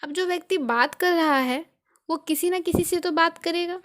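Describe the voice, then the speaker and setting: A young woman with an Indian accent and a high voice explains English grammar for an online lesson. She goes slowly and patiently, repeating each point in several ways with everyday examples. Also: a bit bright. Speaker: English teacher.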